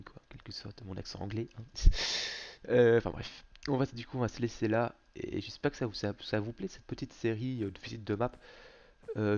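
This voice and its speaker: A man hosting a gaming video, giving casual, excitable commentary and swearing often. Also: fairly low pitch, muffled recording.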